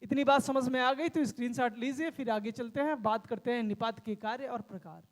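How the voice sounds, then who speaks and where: A male grammar teacher with a high voice lectures in a room that rings with long reverb. He explains step by step, posing questions to the class and answering them himself. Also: fairly quick.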